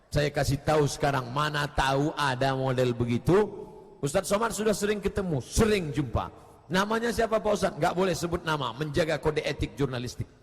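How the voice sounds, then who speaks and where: A man preaching an open-air sermon, switching between shouted lines and soft asides, chanting Arabic phrases in a sing-song lilt. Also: fairly high pitch, fairly quick, creaky, big-room sound. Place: large outdoor gathering in light rain.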